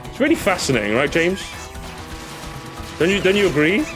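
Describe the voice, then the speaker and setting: A man's voice: sits high, huge pitch swings, moderate pace. A young man streaming in casual chat, rambling and joking with mock outrage at his chat. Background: music playing.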